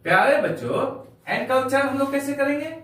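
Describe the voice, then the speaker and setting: A high-pitched man teaching an English lesson, spelling out words one letter at a time at an unhurried pace. His voice swings up and down a lot as he explains. He sounds far from the mic in a very echoey room. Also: big pitch swings, a bit bright. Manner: slow, spells words letter by letter, calls viewers dear children.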